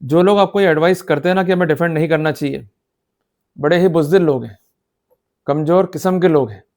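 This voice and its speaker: Brisk and fairly high-pitched, with a darkish tone, a male law lecturer explains concepts in Hindi mixed with English legal terms. He is emphatic and exhortative, repeatedly confirming that listeners are with him.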